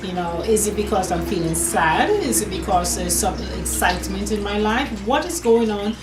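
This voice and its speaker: A Jamaican woman who is an herbalist and runs a nutrition business answers interview questions earnestly, often restarting her sentences and saying "per se." Her voice is medium-pitched with lively intonation at a normal speed, recorded in a roomy space with very heavy noise.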